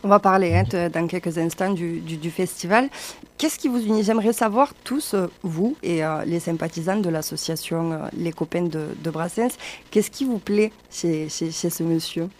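Woman, radio host, somewhat low voice, friendly, halting questions, studio mic. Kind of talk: radio interview.

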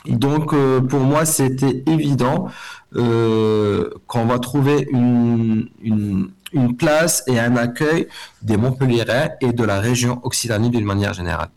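A man's voice: medium pitch, a little slow, darkish tone. A middle-aged man from Algeria, a festival director speaking as a guest in a radio interview, talking with many fillers and restarts.

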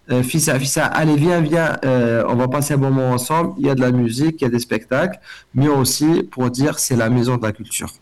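A middle-aged Algerian man with a medium-pitched voice, a festival director appearing as a guest on a radio interview. His speech is full of fillers and restarts.

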